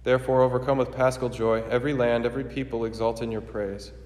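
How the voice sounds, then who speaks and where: A priest celebrating Mass, reciting the liturgy in a steady, measured way, his voice ringing with a cathedral echo. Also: medium pitch. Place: large church. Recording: echoey church with long reverb.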